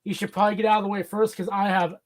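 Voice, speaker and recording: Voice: mid-range voice, level tone, racing. A guest on a casual podcast chat who teases dryly and works through a list of notes. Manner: dry teasing, organized with a list of notes.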